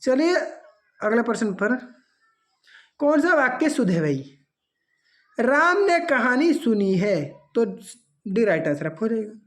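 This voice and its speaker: Lively woman teaching an exam grammar class. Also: fairly high pitch, unhurried, long pauses. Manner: lively, reads out options then corrects them. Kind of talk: exam-prep grammar lesson.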